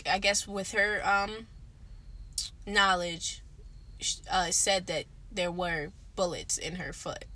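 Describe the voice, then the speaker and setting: A woman's voice: lowish voice, steady tone, takes it slowly, pushed and bright. A woman co-hosting a casual podcast chat, speaking in a blunt, emphatic and slangy way with plenty of swearing. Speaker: podcast co-host.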